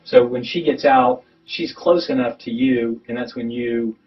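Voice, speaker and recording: A man's voice: medium pitch, a little slow. Methodical male police investigator. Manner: methodical, repeats details back to confirm them. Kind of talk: questioning in a recorded police interview. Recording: dull lo-fi interview recording.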